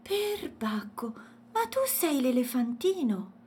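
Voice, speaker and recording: A woman's voice: fairly high pitch, very animated, normal speed, warm tone, a little hiss or hum, voice pushed up. A woman voicing a curious, wide-eyed little girl in a children's storybook, amazed and full of questions.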